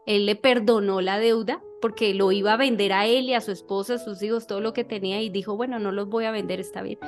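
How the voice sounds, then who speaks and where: A woman giving an informal church talk, conversational and checking in with her listeners as she reads and explains scripture. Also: mid-range voice. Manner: conversational, checks in with "¿sí?", frequent fillers.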